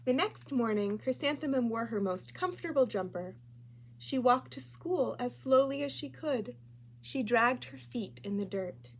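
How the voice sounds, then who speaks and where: A woman's voice: on the high side, animated, a little slow, slight background noise. A woman reading a children's storybook aloud expressively as a library storyteller.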